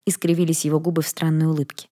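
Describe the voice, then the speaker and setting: A woman reading a first-person fantasy audiobook in a lively, expressive way. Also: low-pitched, racing, no echo, studio quality. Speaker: audiobook narrator.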